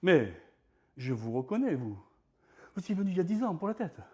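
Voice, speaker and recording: A man voicing an excitable male radiologist with a strong Italian accent, exclamatory and sing-song. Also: sits high, fairly quick, voice pushed up. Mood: ébahi.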